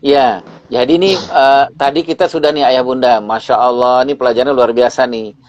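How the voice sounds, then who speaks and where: A man's voice: mid-range voice, fairly even intonation, a little fast. A man hosting a parenting talk, summing up and speaking straight to the listeners. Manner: addresses the audience directly, frequent backchannel murmurs. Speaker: host. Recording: muffled with faint noise.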